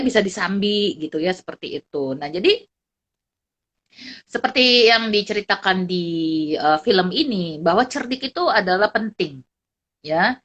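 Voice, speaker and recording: A middle-aged woman, a psychology lecturer, giving a chatty online class talk, full of tag questions. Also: mid-range voice. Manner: lively, chatty, ends phrases with tag questions.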